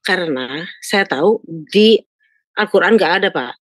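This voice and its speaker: A woman's voice: fairly low pitch, animated, normal speed, no echo, clean studio sound. An older woman telling a pastor a personal story in a chatty way, often turning to him for agreement. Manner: chatty, keeps adding "Pak, ya". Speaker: caller asking a pastor. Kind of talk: casual storytelling.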